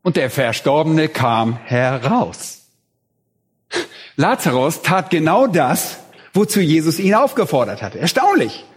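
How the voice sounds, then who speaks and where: A man's voice: a little high, big pitch swings, slow pace, breathy edge. A man preaching a sermon in an emphatic way, rising on key words. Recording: reverberant hall.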